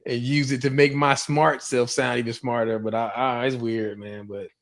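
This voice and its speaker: Male podcast co-host, mid pitch, easygoing, slangy, runs the segments. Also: normal speed. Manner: relaxed, laid-back, uses slang. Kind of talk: casual chat.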